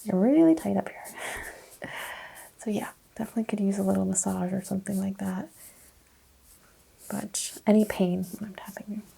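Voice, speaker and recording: Gravelly whispering woman doing medical ASMR. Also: mid-range voice, normal speed, pauses often. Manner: soft, calm, clinical bedside whisper. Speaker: ASMR roleplay doctor.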